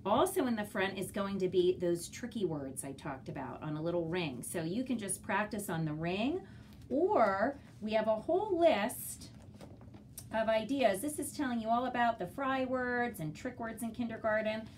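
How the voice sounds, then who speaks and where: A woman with a medium-pitched voice speaks as a kindergarten teacher. She walks parents through instructions in simple steps. Some faint noise and room ambience sit behind her. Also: expressive, normal speed. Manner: simple step-by-step explaining, sounding out words.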